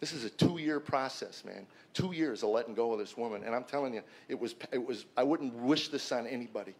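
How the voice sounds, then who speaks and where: A man in his fifties giving a personal testimony to a men's gathering, emphatic and repeating words when stuck. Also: fairly quick. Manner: emphatic storyteller, swings loud and high at peaks.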